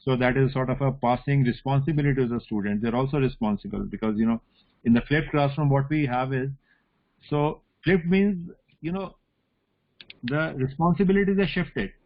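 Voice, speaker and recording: A man's voice: medium pitch, normal speed. A man with a North Indian accent giving an informal, explanatory online lecture, often checking in with "right?" and "you know". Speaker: academic lecturer. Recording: slightly dull online call audio.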